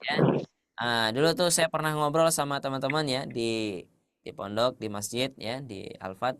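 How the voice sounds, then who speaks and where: A man teaching a tajwid class, quizzing his students and confirming their answers, at times chanting Arabic verses slowly. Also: medium pitch, fairly bright tone, clean tone. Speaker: Quran recitation teacher.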